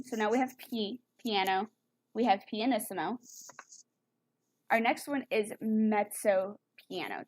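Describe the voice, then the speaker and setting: A young woman teaching an online music lesson over a computer mic, explaining in a chatty way with fillers and self-corrections. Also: mid-range voice.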